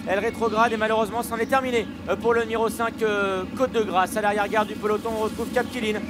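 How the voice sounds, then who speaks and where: A man's voice: sits high, flat delivery, fast talker. A man calling a live horse race as a commentator, listing runners and their positions in a continuous flow.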